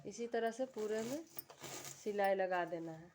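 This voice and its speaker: Woman, sewing lesson voice-over, mid-pitched, patient and repetitive, slight noise. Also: measured pace. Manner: calm, repetitive instructional voice-over. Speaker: sewing tutorial host. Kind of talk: step-by-step sewing instruction.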